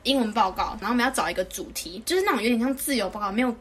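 A young woman in her twenties with a Taiwanese Mandarin accent, co-hosting a podcast and venting in animated casual chat. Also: on the high side, very fast, a little hiss or hum. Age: 20s. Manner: animated, venting, mimics others. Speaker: podcast co-host.

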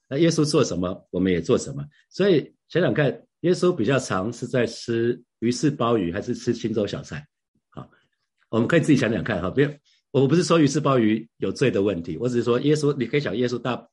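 A man's voice: fairly low pitch, darkish tone, slightly rough. A middle-aged man, a preacher giving a devotional Bible sharing in a conversational way, often repeating and restarting phrases and asking rhetorical questions.

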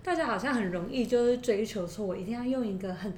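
A woman's voice: fast talker, darkish tone. Female co-host, Taiwanese accent, mid-range voice, chatty step-by-step explainer, roomy echo on the recording. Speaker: podcast co-host. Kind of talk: conversational educational discussion. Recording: roomy echo, faint noise and rumble.

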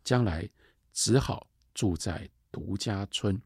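A male lecturer voicing a sharp-tongued old female servant who nags and taunts with rhyming sayings. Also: on the low side, slow pace, slightly rough, dry recording, studio quality, full character voice. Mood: needling.

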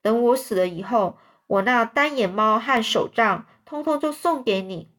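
A woman's voice: fairly high pitch, lively intonation, a bit bright. A woman voicing a mischievous boy faking illness, talking in a whiny, self-pitying way. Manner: whining, drawn-out, self-pitying.

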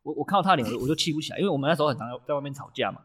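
A man talks very fast in a bright, animated voice, tripping over his own words in stammered restarts. He co-hosts a loose, casual podcast chat and often breaks into laughter. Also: a little high, husky. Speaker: podcast co-host.

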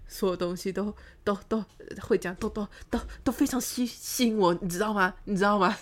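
A man's voice: high-pitched, a little fast, natural voice. A woman doing a pushy, flirty liar of a man. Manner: pushy, repeats "you know".

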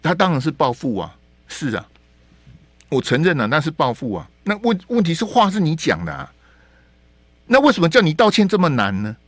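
男性电台主持人, 台湾国语口音, 音调偏高, 起伏很大, 激动反问. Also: male voice, a little high, sing-song, brisk, long pauses, fairly bright tone, no echo. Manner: heated, rhetorical questions, repeats words. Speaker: radio talk show host. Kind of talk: opinionated political commentary. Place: radio studio.

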